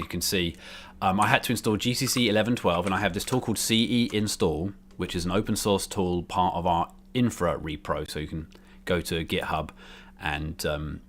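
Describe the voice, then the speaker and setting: A British man with a low voice talks through his programming in a casual, halting way, thinking aloud as he goes. He is indoors on a desk microphone, with some background noise around him. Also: fairly bright tone. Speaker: programmer live-streaming. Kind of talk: casual live coding commentary. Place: indoors by a window. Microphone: desk microphone, bidirectional. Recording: keyboard and street noise behind.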